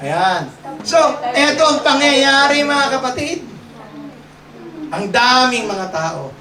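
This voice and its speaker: A man's voice: very high-pitched, takes it slowly, a crowd in the background. A man preaching as a pastor, joking and calling for amens from his congregation. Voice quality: joking, lively preaching with call-and-response. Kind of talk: sermon. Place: church hall with a congregation. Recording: roomy, distant mic, congregation.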